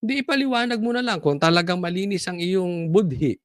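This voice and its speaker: Male vlog commentator, mocking and chatty; slightly high voice with a lively, swinging delivery. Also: fairly quick, no echo, clean studio sound. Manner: animated, mocking, conversational with chuckles. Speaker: political commentator.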